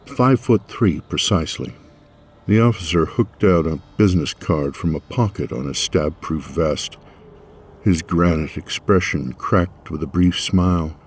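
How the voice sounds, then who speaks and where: Deep, husky male audiobook narrator. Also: a little mellow. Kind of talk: scripted first-person novel narration.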